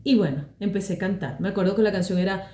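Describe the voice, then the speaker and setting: A Venezuelan woman with a deep chest voice, calmly telling a personal story as a voice teacher, unhurried and pausing often. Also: roomy sound. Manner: calm, unhurried, with many pauses and fillers.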